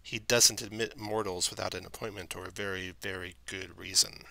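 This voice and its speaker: Man doing a raspy weak imp clerk. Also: sits low, fairly even intonation, a little fast, pushed and bright, exaggerated voice, low-quality recording. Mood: dismissive. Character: small weak male imp clerk, dismissive.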